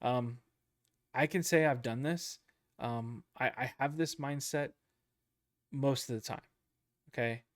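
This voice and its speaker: A man's voice: mid-range voice, slow, pauses often. A man casually coaching traders through a book chapter, repeating points and checking in with "okay?" and a goofy, self-deprecating streak. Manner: chatty, repeats himself, lots of "okay?" and "right?". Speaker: trading coach.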